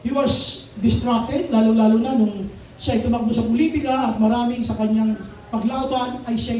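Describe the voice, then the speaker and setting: A man's voice: extremely high pitch, warm tone. A male pastor preaching a sermon, mixing Tagalog and English and reading scripture aloud. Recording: very echoey hall, mic far off, faint noise.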